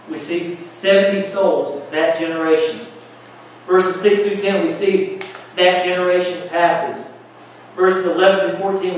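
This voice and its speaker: A man preaches a sermon in a high voice, pressing his points with emphatic rhetorical questions. He speaks slowly and deliberately. The recording is heavily echoey and distant, with a faint hum underneath. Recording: echoey room from far off.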